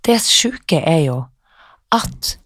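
A woman telling a story in casual chat, animated, acting out the people she quotes and swearing freely. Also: lowish voice, no room sound, studio quality.

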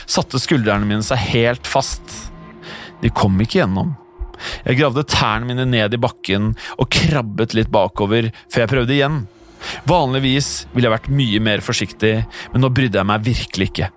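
A man reading a first-person horror story aloud in a tense, hushed storytelling manner for a podcast. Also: mid-range voice.

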